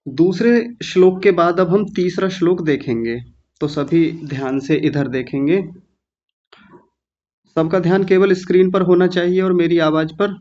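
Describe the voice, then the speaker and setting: A male teacher with a slightly higher voice patiently breaks words into syllables and repeats them slowly for his students. The sound is dull and lo-fi, like audio from an online class. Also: darkish tone. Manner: patient, slow syllable-by-syllable drilling. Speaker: Sanskrit recitation teacher.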